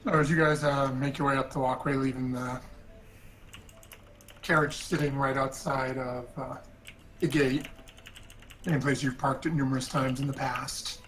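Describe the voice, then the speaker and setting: A man running a tabletop game as game master, narrating in a halting way with many fillers and restarts. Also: medium pitch, little pitch movement, fairly bright tone, slight background noise, poor audio.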